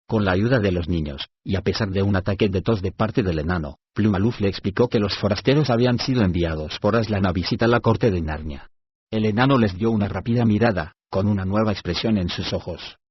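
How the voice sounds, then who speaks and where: Male narrator, deep and husky, steady storybook reading, dull lo-fi dry recording. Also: a little fast, dry recording. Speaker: audiobook narrator.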